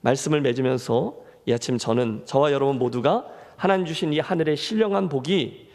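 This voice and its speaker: A man's voice: mid-range voice, brisk, darkish tone. A male pastor preaching a sermon, asking the congregation questions and answering them himself. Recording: long church hall reverb.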